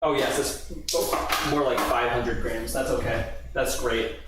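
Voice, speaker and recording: A man's voice: mid-range voice, steady tone, measured pace. A man casually chatting on a livestream while he cooks in his apartment kitchen, rambling and often cutting himself off. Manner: rambling, self-interrupting, chatty. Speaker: streamer. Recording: very echoey room, faint background noise.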